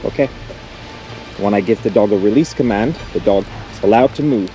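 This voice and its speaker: A man's voice: on the low side, fairly quick, mellow. Male dog trainer, direct and no-nonsense, teaching outdoors over background music. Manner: blunt, direct, talks to the viewer while walking a dog. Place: outdoors on a street.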